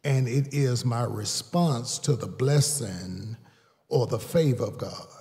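A male pastor delivers a sermon at an unhurried pace, asking the congregation to stay with him. His voice sits at a middle pitch and climbs for emphasis. The sound carries a long hall reverb. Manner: call-and-response preaching, swelling louder and higher for emphasis. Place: large church sanctuary.

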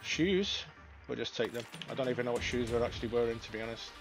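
A male gaming streamer giving live gameplay commentary, shouting excitedly in fights and chatty when things are calm. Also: mid-range voice, quick pace, over music.

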